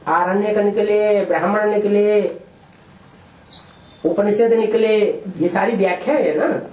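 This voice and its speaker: A man's voice: high voice, darkish tone. A man giving a question-and-answer spiritual discourse, explaining with examples and asking the listeners rhetorical questions. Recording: roomy room from a distant mic, faint noise.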